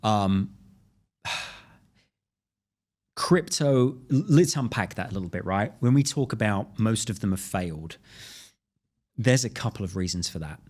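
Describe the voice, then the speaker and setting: A man with a London accent, a guest in a podcast interview who tells stories in an animated way. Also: lowish voice, a little slow, long pauses. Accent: London English. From London, England. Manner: animated storyteller, acts out quoted voices. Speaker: guest, crypto lawyer.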